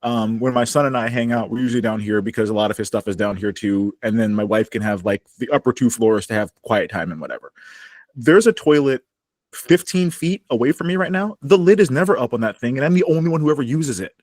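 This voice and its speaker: A man's voice: mid-range voice, fast, no room sound, clean studio sound. A man co-hosting a casual podcast recap from his home basement, laughing and acting out quotes. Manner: animated, acts out quotes with laughs. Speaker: podcast co-host.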